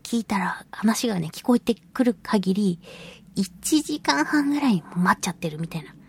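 A voice actress hosts a casual solo radio talk show, telling personal anecdotes about her life in a self-deprecating, giggly way. Her husky, medium-pitched voice is expressive and moderately paced, and she acts out little quoted remarks as she tells her stories.

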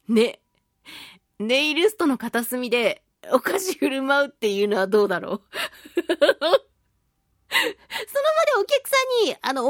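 This high-pitched female host reads listener letters on her solo radio program, giggling, chatting and responding out loud to each one. Her delivery is playfully gushing with over-the-top pleading, captured in a clean studio sound with no room noise.

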